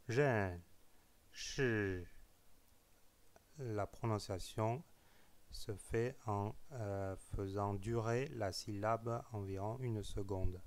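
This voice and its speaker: Man, language teacher, recorded lesson, unhurried, somewhat low voice, deliberate repetition. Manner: slow and deliberate, repeats each word.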